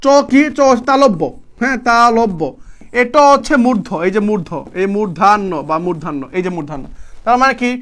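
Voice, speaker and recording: A young man teaching a live exam-prep class, repeating points and quizzing students with quick questions in a casual, brotherly way. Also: high voice, animated, fairly bright tone. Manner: repetitive, drilling students with quick questions and answers; colloquial, addresses students as brother.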